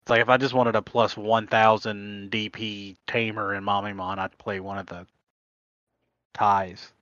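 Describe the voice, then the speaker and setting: A man's voice: on the low side, flat delivery, measured pace, fairly bright tone, dry recording. A man co-hosting a trading card game podcast, telling stories in casual chat and laughing at his own mishaps. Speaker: podcast co-host. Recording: muffled lo-fi audio.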